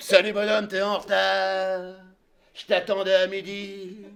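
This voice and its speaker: A man's voice: high-pitched, completely flat delivery, a little slow, gravelly, recorded from a distance, very noisy. A man voicing a friendly, expansive older actor with a hearty manner. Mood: welcoming.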